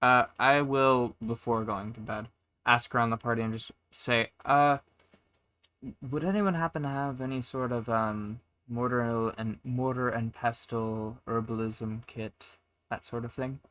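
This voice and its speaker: A woman playing a tabletop game, halting and full of questions. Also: rumbling low, fairly even intonation, a bit bright. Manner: halting, asks many questions. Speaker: player. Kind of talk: casual tabletop play.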